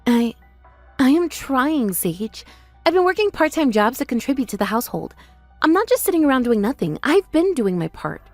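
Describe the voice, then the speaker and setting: An actress playing a hurt, loyal young sister in a family drama, speaking in an earnest, emphatic way. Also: female voice, high voice, big pitch swings, normal speed, a little mellow, dry recording, faint music behind. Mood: hurt, defensive. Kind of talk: dramatized family-conflict story dialogue.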